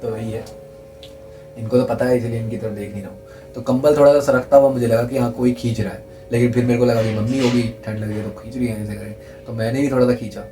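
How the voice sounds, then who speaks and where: A young man earnestly telling a true scary story in casual chat, repeating himself for emphasis and dropping to a hush at the tense parts. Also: mid-range voice, steady tone, fast talker, faint music behind, poor audio.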